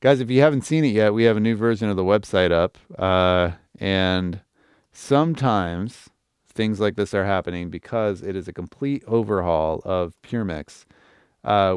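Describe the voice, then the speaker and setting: A middle-aged man with a low, smooth voice hosts a live stream in an informal, chatty way. He thinks aloud with animation as he gives feedback. The sound is close and dry. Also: no echo. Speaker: live-stream host giving mix feedback. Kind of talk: casual live commentary, chatting to viewers.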